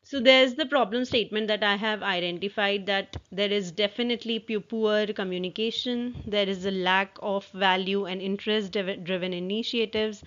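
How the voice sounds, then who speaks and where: Woman presenter, mid-pitched, informal slide walkthrough, halting with restarts, muffled low-fidelity sound. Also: steady tone, a bit bright. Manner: halting, with repeated false starts. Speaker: presenter walking through own work assignment. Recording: dull, lo-fi audio.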